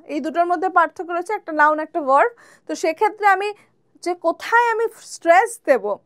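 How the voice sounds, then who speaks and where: High voiced teacher lady, patient lesson, keeps asking "right?", dry close sound. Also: no echo. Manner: explains patiently, asks and answers her own questions, tags "right?". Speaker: English teacher. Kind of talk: spoken English lesson with slides.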